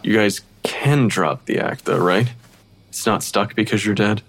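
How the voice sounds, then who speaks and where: An actor playing an exasperated pathologist who talks to ghosts, with a dry manner. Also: male voice, fairly low pitch, measured pace, fairly bright tone, slight background noise. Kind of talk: audio drama acting.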